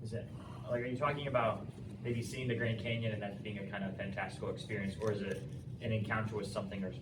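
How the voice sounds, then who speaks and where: A man's voice: lowish voice, steady tone, fast talker. Distant, noisy man asking tentative questions. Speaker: thesis examiner. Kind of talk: informal academic questioning. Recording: echoey room, distant mic, loud noise.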